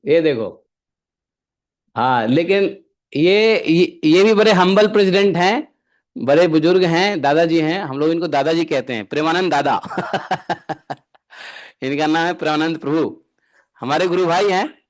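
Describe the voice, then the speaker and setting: A man's voice: on the high side, unhurried. Man giving a bantering spiritual talk. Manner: bantering, asks listeners rhetorical questions. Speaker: spiritual teacher. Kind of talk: Hindi devotional discourse.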